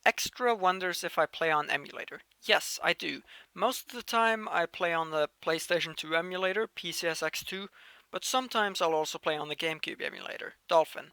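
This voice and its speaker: A young man from Norway, still in his late teens, runs a casual Q&A as a channel host, chatting through viewer questions. His fairly high, clean voice is brisk, full of restarts and emphatic bursts with lively loudness changes. No room sound is present.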